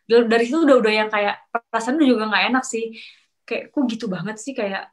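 A young woman casually telling a personal story, chatty and animated, acting out what others said. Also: fairly high pitch, fast. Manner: animated, acts out quoted coworkers with sharp rises; chatty, many fillers and restarts, slangy. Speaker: storyteller sharing a work experience. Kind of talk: casual chat, confiding story.

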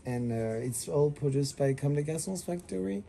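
With a slightly high voice, lively intonation and some vocal fry, a young man talks at normal speed over background noise. He's a fashion designer with a French accent presenting a collection in a showroom, phrasing his English hesitantly but enthusiastically in a casual explanation.

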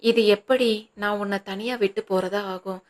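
A woman reading the part of a gentle young husband who calmly consoles his wife, in an audiobook. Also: medium pitch, moderate pace, close to an everyday voice. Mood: consoling.

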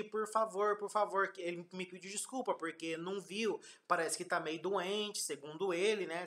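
A woman's voice: fairly low pitch, a bit bright. A woman with a Brazilian accent telling a hurt, confiding personal story to her followers, tagging her sentences with "né?" again and again. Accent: Brazilian Portuguese. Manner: hurt, confiding, keeps repeating the tag "né?". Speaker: vlogger.

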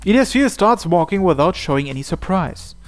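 With game music underneath, a man reads a visual novel aloud indoors as dramatic scripted narration for a playthrough voice-over. His voice sits high, moves quickly, and carries lively intonation.

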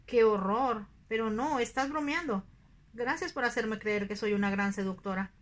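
A woman voicing an innocent, candid young woman in a soft ASMR audiobook reading, in a sweet, earnest and naive way. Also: fairly high pitch, normal speed, natural voice.

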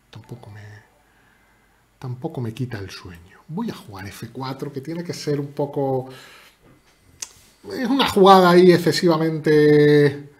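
A man's voice: fairly high pitch, a little mellow. Playful man commentating live chess. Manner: playful and chatty, teasing his opponent and talking to the chat.

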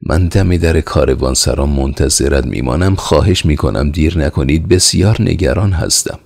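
A man's voice: rumbling low, gravelly, darkish tone, breathy edge, exaggerated voice. A man voicing an anxious young woman who speaks in a pleading, worried way. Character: frightened young woman, anxious, searching for her father.

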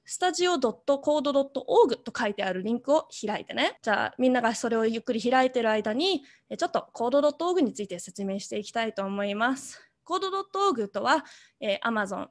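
Lively, high-voiced woman teaching children. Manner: cheerful, switches into English words. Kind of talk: online coding lesson for children.

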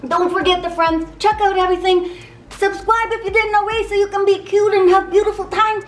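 A woman talking through her weekly meal prep in a home kitchen, bubbly and playful with cutesy pet words. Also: high voice. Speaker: weight-loss vlogger. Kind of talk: casual cooking and meal-prep talk.

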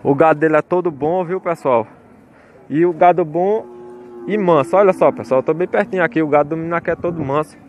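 Phone-quality audio with a little hiss or hum captures a man touring outdoor cattle pens at a fair, chatting to viewers over market crowd chatter. His voice is a little high and quick, and his commentary is casual and repetitive as he keeps calling out to his audience.

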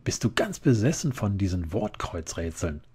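A man voicing a haughty vampire countess mother who scolds sweetly and teases with odd pet names, in a relaxed ASMR story reading. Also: on the low side, normal speed, slightly rough, exaggerated voice. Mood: fussy. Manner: sweetly bossy, pet-name teasing.

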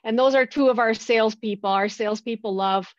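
A woman with a fairly high voice gives a friendly, enthusiastic slide presentation about new shrubs to a garden club. The recording is dull and lo-fi, and the sound is dry with no room echo. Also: brisk. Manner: friendly, enthusiastic plant descriptions with fillers. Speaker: garden club speaker from a plant nursery.

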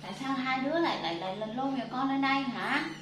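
High-voiced woman in an echoey room. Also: animated, quick pace, background noise. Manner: motherly, scolding then cooing baby talk. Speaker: pet owner vlogger. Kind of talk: talking to pet monkeys and a cat. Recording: echoey room, distant from the mic, long reverb.

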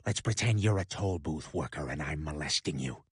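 Cartoon husband, booming ultra-low bass, husky rumble, blunt and crude, dry studio sound. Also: male voice, lively intonation, a little fast, no echo, full character voice. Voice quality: extremely deep, rumbling. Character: husband with a sudden very deep voice. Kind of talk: cartoon voice acting.

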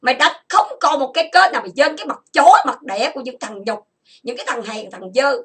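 Furious high-pitched woman ranting. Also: husky. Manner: furious, insulting, listing grievances in rapid bursts. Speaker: online chat room host. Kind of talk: angry ranting monologue.

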